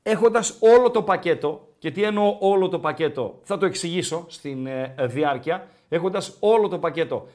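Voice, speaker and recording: A man's voice: fairly high pitch, expressive, hardly any pauses, darkish tone. A man hosting a casual sports talk show, telling stories and teasing his co-host. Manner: storytelling, mimics dialogue in quotes; bantering, teasing.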